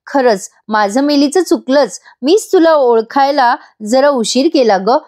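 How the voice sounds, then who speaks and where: Woman narrator voicing a sister-in-law, young, apologetic, earnest, coaxing, higher pitch. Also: expressive, measured pace, darkish tone. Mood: remorseful. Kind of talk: voice-over recap reading a character's lines.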